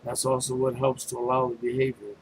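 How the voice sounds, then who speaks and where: A man's voice: mid-range voice, completely flat delivery, a little fast, slight background noise, low-quality recording. A man giving a sarcastic ranting commentary, full of rhetorical questions and repetition. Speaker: video commentator.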